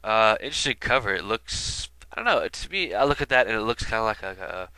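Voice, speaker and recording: With a lowish, expressive voice, a video commentator talks briskly in a sharp yet smooth tone, his nose stuffed up from being sick. He rambles casually through an album retrospective, heavy on fillers and side remarks. The audio has no echo.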